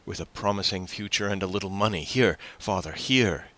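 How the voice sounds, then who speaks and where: A man's voice: low-pitched, measured pace, sharp tone. A man reading as an eager young sailor. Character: eager young male sailor returning home.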